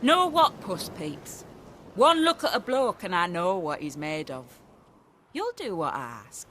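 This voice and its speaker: A woman's voice: on the low side, big pitch swings, measured pace, a bit bright, a little hiss or hum. An actress voicing a brash, foul-mouthed female gang leader. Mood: cocky, scheming. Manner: cocky, mocking.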